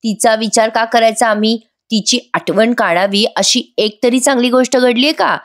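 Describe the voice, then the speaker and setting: A woman's voice: a little high, moderate pace, voice pushed up, natural voice. A woman voicing a mother who questions her son pointedly. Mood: questioning. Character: worried mother, dismissive of daughter-in-law.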